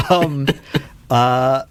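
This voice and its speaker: A man's voice: medium pitch, very slow, clean tone, no room sound. A man co-hosting a podcast in casual chat. He speaks in a wry, hesitant way and chuckles often. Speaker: podcast co-host.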